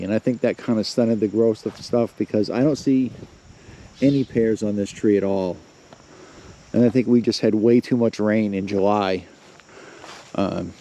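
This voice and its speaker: Casting note: middle-aged New man, mellow dark voice, slightly winded, chatty vlogger, faint crickets outside. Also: mid-range voice. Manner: rambling, filler-heavy, plain-spoken. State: slightly out of breath. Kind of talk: casual walking vlog. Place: outdoors in a rural yard. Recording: faint outdoor noise with crickets.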